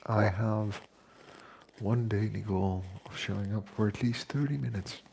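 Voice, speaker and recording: A man in his forties, a fitness vlogger talking in a casual, unhurried way from his kitchen, pausing often with fillers. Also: on the low side, steady tone, creaky, darkish tone, slight background noise. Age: 40s. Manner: unhurried, reflective, pauses with fillers. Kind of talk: casual chat. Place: home kitchen.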